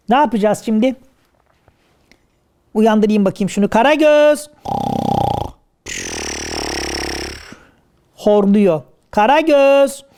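Hacivat, a man doing a preachy learned gentleman. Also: very high voice, clear, resonant tone. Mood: coaxing. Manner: preachy, lecturing, polite. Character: pompous learned gentleman, adult male. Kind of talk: traditional shadow puppet play.

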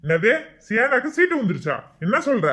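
A man's voice: high-pitched, sing-song, fast, pushed and bright, a little hiss or hum, heavily acted. A man playing a fed-up scolding husband. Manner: scolding, impatient. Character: exasperated husband, stern and embarrassed. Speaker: comic actor in a skit.

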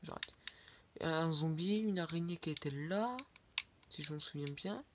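A man's voice: on the high side, unhurried, noisy background. A man narrating his Minecraft game, talking to himself, swearing and sometimes dropping to a whisper. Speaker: gaming YouTuber. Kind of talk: Minecraft let's play commentary. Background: keyboard and mouse clicks.

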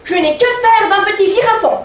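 Woman voicing a courtly flattering lion. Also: high-pitched, measured pace, slight background noise. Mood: dismissive. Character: smooth-talking charming male lion. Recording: echoey stage sound from far off.

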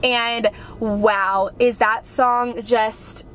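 A woman's voice: a little high, fairly even intonation, drawn-out words, heavy background noise. A young woman in her twenties chatting in a heartfelt, gushing way, filled with "like", as she talks to a camera in a car. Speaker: vlogger. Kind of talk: casual chat. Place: inside a parked car. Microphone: camera on the dashboard.

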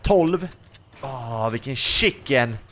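Lively young man chatting over gameplay. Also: mid-range voice, background noise. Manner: chatty, asks viewers questions, playful. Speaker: gaming YouTuber. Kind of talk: casual gameplay commentary.

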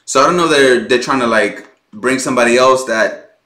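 A man hosting a music reaction video, talking casually and excitedly, swearing freely and laughing often. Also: medium pitch, moderate pace, reverberant.

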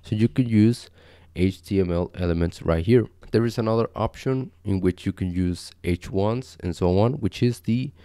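A young man from Costa Rica hosting a casual screen-share coding tutorial, talking in a relaxed, conversational way with frequent fillers. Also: fairly low pitch, normal speed, smooth, dry recording, clean studio sound. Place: small home desk setup indoors.

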